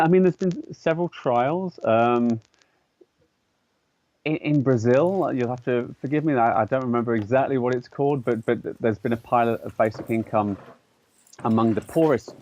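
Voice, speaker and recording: Lo-fi audio captures a man's medium-pitched, slightly mellow voice. He's an artist and educator from an English-speaking country, appearing as a guest in a conversational interview and explaining ideas hesitantly and thoughtfully, with lots of fillers and false starts.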